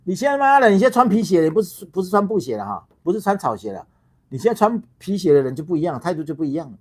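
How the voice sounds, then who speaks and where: Middle-aged man from Taiwan, fiery livestream rant, swearing, rhetorical questions, wildly swinging pitch, fairly high voice. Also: sing-song, racing. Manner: ranting, swearing, rhetorical questions, repeats words. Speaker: political party founder and livestream host. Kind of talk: heated political livestream monologue.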